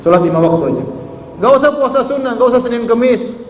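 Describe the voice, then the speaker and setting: This sermon comes from a man with a very high-pitched, expressive voice who talks fast, teases his live audience with questions, and chants Arabic quotations with a lilt. The large hall gives an echoey sound with faint ambience, plus a little hiss or hum.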